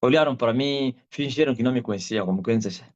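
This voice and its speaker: A middle-aged man with an Angolan Portuguese accent, an apostle giving an animated testimony sermon over a live video call. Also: mid-range voice, fast talker. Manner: animated storyteller, acts out quoted voices and shouts. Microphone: video call audio. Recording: dull lo-fi video call audio.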